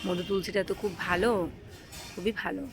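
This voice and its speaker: A woman's voice: medium pitch, steady tone, brisk, over music. Chatty woman vlogging at home. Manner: chatty and homely, fillers like "tho chalo". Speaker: vlogger and mother. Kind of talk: casual home vlog talk to viewers. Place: home and rooftop, partly outdoors.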